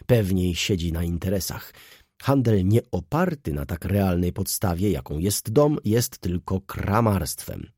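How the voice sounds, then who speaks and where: A man reading an audiobook voices a scheming middle-aged male lawyer who talks in an animated, persuasive, theatrical way. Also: sits low, unhurried, slightly rough, no echo, clean studio sound, full character voice. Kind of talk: audiobook character voice.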